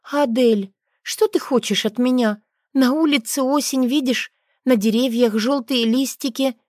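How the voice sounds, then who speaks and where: A woman playing a soft-spoken young mother, patient and a little weary, her voice lifted a touch higher than the narration. The recording is dry and close, with no room sound, as an audiobook reader puts her on. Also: measured pace, no room sound. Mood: coaxing. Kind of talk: audiobook character voice.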